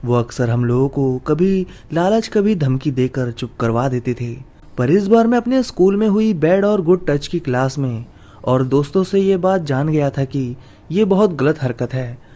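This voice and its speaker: A stubborn, grieving ghost of a young boy, read aloud by a man narrator in a horror storytelling. The voice is raised a little and stays warm and mellow. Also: fairly high pitch, lively intonation, moderate pace, lightly acted. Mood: pleading. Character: dead boy's ghost possessing a child, sad, stubborn.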